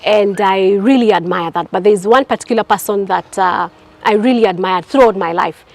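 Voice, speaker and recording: With a mid-range, creaky voice of darkish tone and a moderate pace, a Kenyan woman entrepreneur in property development reflects earnestly on interview questions, repeating certain phrases.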